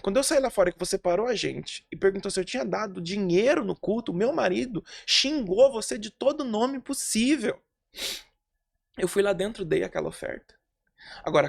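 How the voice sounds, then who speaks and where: A man voicing a distraught woman as she recounts her grief, in a low, subdued retelling. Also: creaky, exaggerated voice. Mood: recounting.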